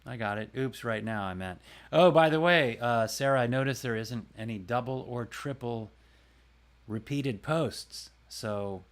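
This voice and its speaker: A man's voice: medium pitch, a little slow. A man hosting his own livestream, chatting casually and a bit rambling, talking to viewers by name about his voice work. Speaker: livestream host and voice actor. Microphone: close desk mic.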